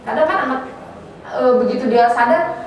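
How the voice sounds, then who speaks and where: A woman giving a parenting seminar, lively and answering questions from the audience. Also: sits high, moderate pace, a little hiss or hum. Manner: lively, acts out child and parent voices in examples. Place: preschool seminar room. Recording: echoey hall, from far off, with audience.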